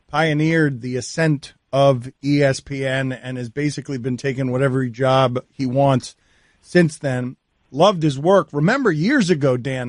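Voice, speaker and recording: A man's voice: fairly high pitch, darkish tone, no echo, studio quality. A man hosting a sports interview podcast, talking casually and introducing his guest. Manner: conversational, reads ad promos. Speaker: podcast host.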